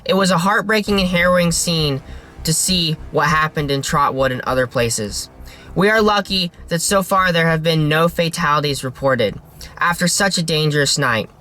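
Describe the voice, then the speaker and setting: Man, storm-chaser vlog narrator, slightly high voice, earnest and solemn, scripted voice-over, faint music behind. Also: moderate pace, sharp tone. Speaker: storm chaser, video host.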